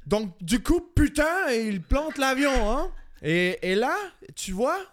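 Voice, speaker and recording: A man's voice: very high-pitched, big pitch swings, takes it slowly, fairly bright tone, voice pushed up, heavily acted. A man putting on an exaggerated France French accent while telling a joke, stuffing it with stock French slang. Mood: mock-French joking. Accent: put-on France French. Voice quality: overdoes "du coup" and "putain".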